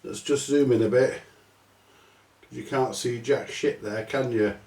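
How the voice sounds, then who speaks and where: This repair channel host, a middle-aged man nursing a stuffy cold, works on a repair in a small cluttered electronics workshop indoors, speaking slowly in a rambling, sweary, self-mocking way. His mid-range, darkish voice keeps fairly even intonation, and the distant mic catches an echoey room.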